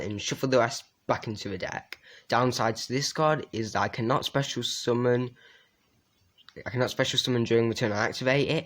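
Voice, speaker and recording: A man casually reviewing a trading card deck, reading card names aloud and adding quick asides with fillers. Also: medium pitch.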